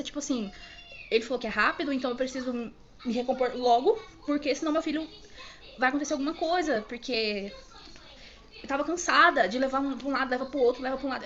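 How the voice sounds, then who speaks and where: Young woman, fast and emotional personal storyteller, raised pitch, muffled recording. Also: a bit bright. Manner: rapid, emotional, many fillers and restarts. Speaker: vlogger telling her birth story.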